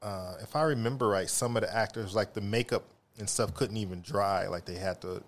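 Low-voiced man explaining at ease. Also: brisk, a little hiss or hum. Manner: explains things at length, relaxed. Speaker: podcast co-host. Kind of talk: casual chat.

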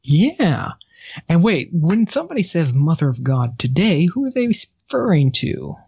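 A man with a husky, mellow voice co-hosting a podcast, steering the conversation with leading questions. The sound is a little dull and lo-fi. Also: a little high, big pitch swings, unhurried. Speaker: podcast co-host. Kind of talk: casual chat.

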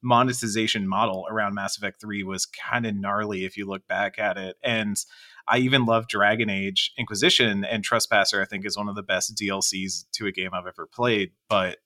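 A man with a bright, forward voice that sits a little low in pitch, co-hosting a casual panel podcast. He talks in chatty, quick bursts and trades remarks with the others at the table. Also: steady tone. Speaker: podcast co-host.

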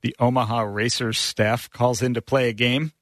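A man's voice: medium pitch, level tone, moderate pace, a bit bright, dry recording, clean studio sound. A man co-hosting a radio show, announcing clips and teasing drily in casual banter. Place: radio studio.

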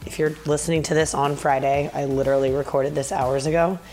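A tired woman with vocal fry, hosting a podcast in a casual, candid, self-deprecating and rambling solo monologue. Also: low voice, fairly even intonation, brisk, mellow, faint music behind. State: tired from travel and talking. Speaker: podcast host. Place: bedroom in a condo, sitting in bed.

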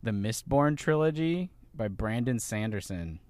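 A man's voice: lowish voice, animated, measured pace, darkish tone, dry recording. Young man chatting casually, dry close sound. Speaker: podcast co-host. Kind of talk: casual chat.

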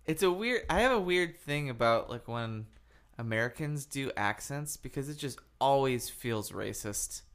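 A man's voice: medium pitch, expressive, moderate pace, a bit bright, clear, resonant tone. Rambling man co-hosting a podcast. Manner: rambling, laughs often, trails off mid-thought. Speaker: podcast co-host. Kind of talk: casual chat.

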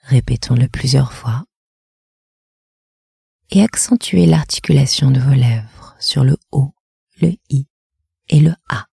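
A woman leading a guided meditation in a soft, half-whispered, measured voice. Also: extremely low pitch, vocal fry, husky, no echo, studio quality.

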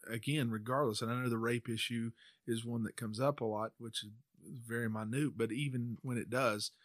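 This American podcast host, a church member, discusses faith in a relaxed, conversational way. His mid-range voice stays steady and moves a little fast, and the recording is dry and studio quality.

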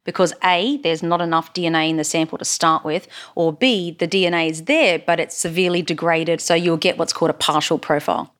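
A woman's voice: lowish voice, fairly even intonation, a little fast, hardly any pauses, fairly bright tone. A woman with a Queensland Australian accent explaining things informally as a forensic science expert in an interview.

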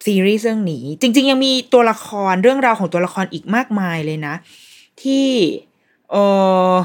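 Woman host, casual solo review, lower-pitched voice, chatty and animated with restarts. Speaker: podcast host reviewing a series.

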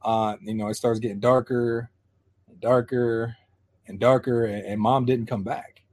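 A man in his thirties from Pennsylvania, a guest telling his life story in a casual, animated way. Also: mid-range voice, measured pace. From Harrisburg, Pennsylvania. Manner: lively, animated storyteller acting out quoted voices.

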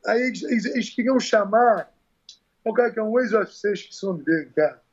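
A high-pitched Brazilian man tells fight stories in a loose, animated way, packed with curses and restarts. The recording sounds dull and lo-fi. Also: fast talker. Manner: animated, swears often, repeats words, stumbling restarts. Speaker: retired fighter, guest. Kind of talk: casual storytelling interview.

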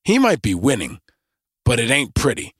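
A man's voice: medium pitch, wildly swooping pitch, moderate pace, husky, dry recording, clean studio sound. A man hosting a podcast, delivering a scripted monologue in punchy, rallying lists. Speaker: podcast host.

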